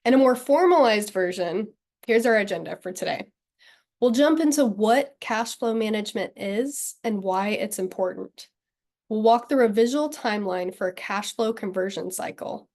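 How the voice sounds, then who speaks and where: A woman in her thirties from Texas gives an upbeat, friendly webinar presentation that's clear and well organized. She has a cold that makes her sound slightly nasal, and her mid-range voice is animated and darkish at a normal speed.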